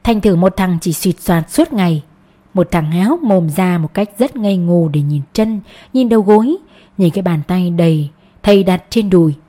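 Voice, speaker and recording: A woman narrating a story with a warm, mellow voice. She reads at a steady, measured storytelling pace. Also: on the low side. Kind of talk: scripted audiobook narration.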